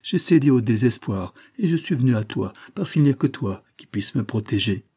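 A man's voice: mid-range voice, expressive, normal speed, dark tone, husky. A man reading aloud and voicing a distressed young woman who begs her grandfather for protection, his voice raised and pleading. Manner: pleading, anxious.

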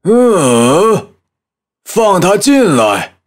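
A man's voice: sits high, very animated, very slow, faint music behind, exaggerated voice. A man playing a haughty, greedy sultan in an acted children's audio story. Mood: haughty, mocking.

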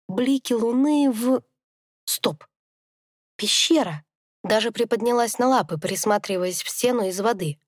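A woman narrating a first-person fantasy audiobook in a calm, reflective storytelling manner. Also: mid-range voice, no echo, studio quality.

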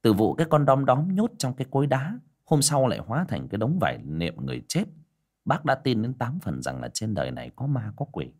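A man narrating a village ghost story in an expressive, dramatic style. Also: medium pitch, brisk. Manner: expressive, swooping delivery.

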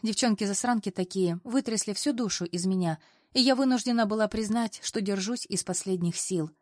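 A woman's voice: medium pitch, brisk, darkish tone, no room sound, clean studio sound. Woman narrating a first-person story. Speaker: audiobook narrator.

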